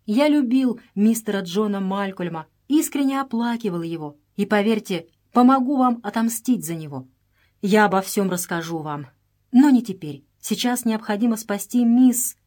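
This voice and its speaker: A woman's voice: medium pitch, expressive, moderate pace, a little mellow, natural voice. A woman voicing an earnest wounded boy. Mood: pleading. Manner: earnest, pleading.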